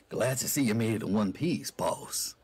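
A man doing a gravelly husky-dog cop. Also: fairly low pitch, animated, measured pace, darkish tone. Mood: sly. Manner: drawling, sly and suspicious. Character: smug gravelly male husky dog police officer.

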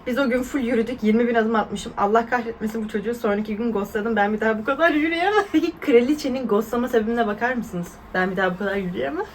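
A woman in her twenties from Turkey, chatting casually as a vlogger while reading viewer stories aloud, with lively exclaiming reactions and asides to her viewers. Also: fairly high pitch, fast, hardly any pauses, a little hiss or hum. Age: 20s.

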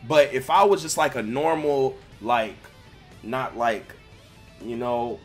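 This young American man has a mid-range voice and takes things slowly. A gaming video creator, he comments on clips in a casual, slangy, venting way full of profanity, with music playing behind him.

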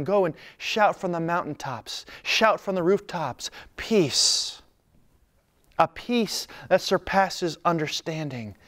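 A man preaching a sermon in an earnest, conversational way, dropping to soft, calm lines. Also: a little high. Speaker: pastor.

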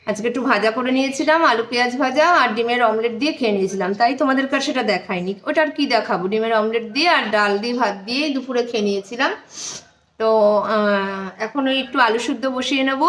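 Middle-aged woman chatting away to her viewers at home, bit high voice, phone held in one hand. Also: a bit bright. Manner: homely, chatty, addresses viewers as friends. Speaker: home vlogger. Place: home, indoors.

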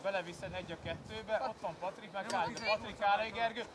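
Man, youth football coach, high strained voice, outdoor pitch, noisy background. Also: steady tone. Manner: calls players by name, explains tactics. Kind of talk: sideline coaching instructions.

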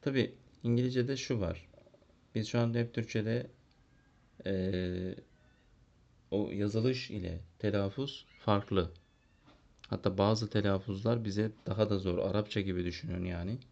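Low-pitched man teaching a kids' english lesson, thinks out loud, kinda muffled lo-fi recording. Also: unhurried, vocal fry, pauses often. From Turkey. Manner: explains and translates, thinks aloud with fillers. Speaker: primary school English teacher. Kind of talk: classroom lesson walkthrough. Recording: dull lo-fi recording.

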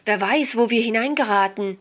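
A woman reading the lines of a calm, guarded male police commissioner in a story. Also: on the high side, moderate pace, close to an everyday voice. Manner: calm, brief replies.

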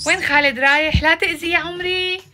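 Very high, bright-voiced mother. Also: steady tone, quick pace, soft background music. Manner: playful, cooing baby talk to her son. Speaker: mother and family vlogger. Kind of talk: casual family vlog chat.

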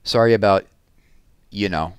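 A man reading aloud, voicing an awkward, excitable teenage boy. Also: fairly low pitch, measured pace, clear, resonant tone, no echo, natural voice. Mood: eager.

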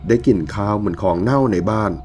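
A man calmly narrating a ghost story in a measured storytelling manner. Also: lowish voice, slight background noise. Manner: calm, measured storytelling with quoted dialogue.

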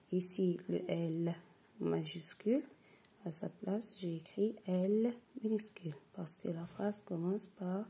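Slow, husky-voiced woman teaching. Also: fairly low pitch, dark tone. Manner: reads example sentences slowly and repeats them; drops to a breathy half-whisper when explaining. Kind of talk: slow step-by-step grammar lesson.

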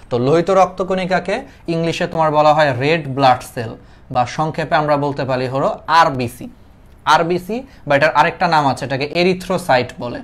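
Young male tutor, Bangladeshi accent, a bit high-pitched, chatty, repeats terms and quizzes students. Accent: Bangladeshi Bengali. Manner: explains terms, repeats them, asks students questions; colloquial dialect forms mixed with English terms. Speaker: teacher. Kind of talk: online class lecture.

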